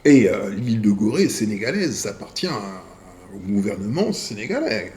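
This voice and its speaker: Reading out viewer messages and answering them, this video channel host speaks deliberately in short, paused phrases. His voice is lowish and darkish yet very animated, with a little hiss or hum in the audio.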